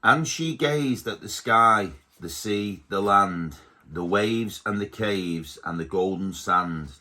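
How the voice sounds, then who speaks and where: A man reading a rhyming picture book aloud to his baby at home, slowly and gently. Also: lowish voice. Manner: slow, gentle storybook reading.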